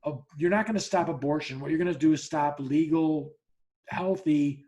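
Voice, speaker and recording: Slightly high and a little mellow, this man's voice moves at a moderate pace while he hosts a relaxed podcast. He narrates a story bluntly with plenty of swearing, repeatedly starts over, and acts out both people in the dialogue.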